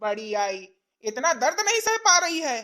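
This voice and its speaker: A woman's voice: sits high, sing-song, moderate pace, pushed and bright, exaggerated voice. A woman voicing a brusque, rude male village doctor who scolds impatiently in a cartoon comedy. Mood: scolding.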